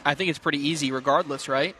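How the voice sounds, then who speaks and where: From a booth, a man with a fairly high pitch and sharp tone talks fast with fairly even intonation, analyzing a cornhole tournament and bantering with his co-host in casual sports commentary. There's a little hiss or hum.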